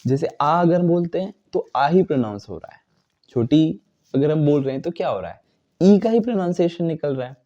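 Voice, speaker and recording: A man's voice: fairly high pitch, animated, a little fast, mellow, highs cut off. A man teaching a basic grammar lesson, explaining carefully and reciting letters one at a time.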